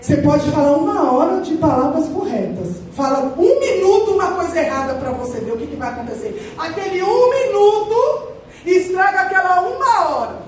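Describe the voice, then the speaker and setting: High-voiced woman preaching in an echoey church. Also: distant mic, a little hiss or hum. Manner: lively, joking, acts out little voices. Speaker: pastor. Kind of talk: conversational sermon. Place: large church hall at the altar.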